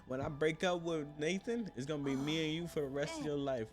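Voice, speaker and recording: A man voicing a brash young woman caught cheating, with a shrill, defensive way of talking. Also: brisk, lightly acted. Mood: lovestruck.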